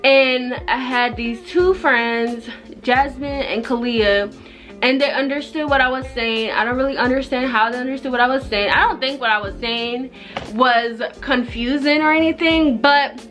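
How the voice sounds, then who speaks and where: This vlogger is a young woman from Jamaica recounting something from her own life in a casual, meandering, conversational style. Her voice is high-pitched and fairly bright, and she talks at a normal speed over background music.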